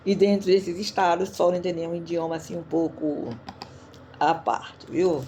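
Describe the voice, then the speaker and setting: A woman's voice: on the low side, level tone, moderate pace, dark tone, a little hiss or hum. A woman from Brazil sprinkled words, giving a chatty online church talk and often checking in her listeners. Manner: chatty, tags questions to listeners. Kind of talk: casual sermon talk.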